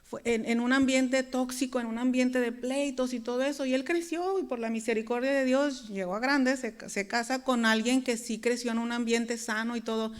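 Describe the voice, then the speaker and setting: A woman's voice: fairly high pitch, steady tone, normal speed, hardly any pauses, clear, resonant tone. A woman preaching a sermon, talking to her congregation in an earnest, conversational way. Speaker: preacher and worship leader.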